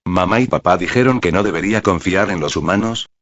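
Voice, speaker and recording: A man's voice: low voice, brisk, fairly bright tone, no room sound. A man voicing a frightened little girl who has become a living teddy bear, speaking timidly, in a dull, dry recording. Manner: timid, childlike.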